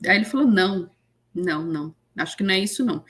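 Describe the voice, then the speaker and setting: A woman, an interview guest telling an emotional story with lively quoted voices. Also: medium pitch, very fast. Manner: animated retelling with acted quotes.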